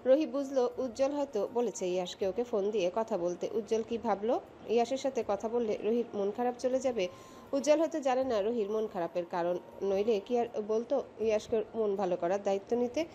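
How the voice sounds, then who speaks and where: A woman narrating a romantic audio story in a steady, expressive storytelling voice. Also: on the high side, brisk, highs cut off, slight background noise.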